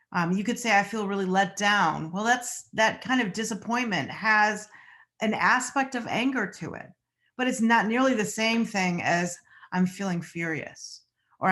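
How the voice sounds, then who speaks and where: A woman teaching about naming and validating emotions in a relaxed, conversational talk, often acting out quoted lines. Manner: conversational, acts out quoted lines with rising pitch. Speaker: mental health educator. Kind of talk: informal explanatory talk.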